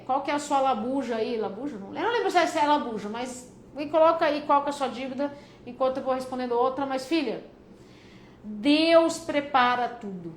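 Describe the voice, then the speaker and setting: This is a woman with a São Paulo accent and a high voice, hosting a relaxed live stream about getting out of debt. She talks to her viewers warmly and familiarly, joking as she answers their questions. Her voice rings in a reverberant room with a faint hum of noise behind it. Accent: São Paulo Brazilian Portuguese. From São Paulo, Brazil. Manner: chatty and joking, calls viewers "filha" and "cara".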